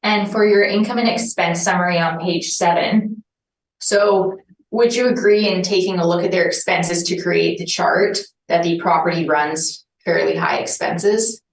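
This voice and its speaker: A woman on a review board asking measured questions in a boardroom. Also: lowish voice, gravelly. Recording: distant roomy mic with faint hiss.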